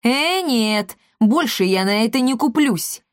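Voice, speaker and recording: Loud blustering cattle trader, greedy man, as a woman acts him, high and slow, storybook. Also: animated, no echo, studio quality. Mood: furious. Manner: shouting, blustering.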